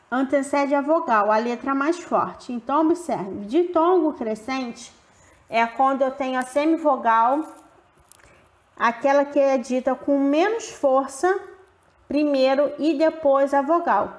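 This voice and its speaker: A woman teacher giving a grammar lesson, slowly stretching out the example words as she explains. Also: high voice, reverberant.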